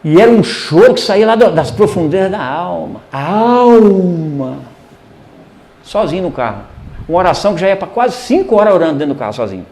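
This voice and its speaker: A man preaching a sermon, telling a personal story and swinging between hushed and emphatic delivery. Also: high voice, very animated, quick pace. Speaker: pastor.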